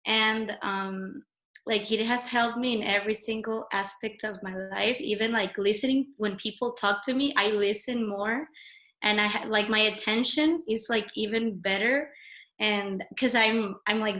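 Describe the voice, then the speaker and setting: Woman, workshop participant, rambling intro, bright flat voice, echoey room. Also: mid-range voice, normal speed. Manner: rambling, heavy use of filler words. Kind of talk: casual introduction.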